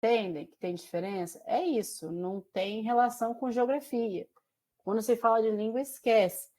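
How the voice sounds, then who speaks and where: A woman's voice: fairly high pitch, moderate pace, warm tone. A woman teacher from Mato Grosso do Sul with a Brazilian Portuguese accent tinged by São Paulo caipira speech, giving a chatty class lecture full of fillers and questions to her students. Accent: Brazilian Portuguese with São Paulo caipira influence.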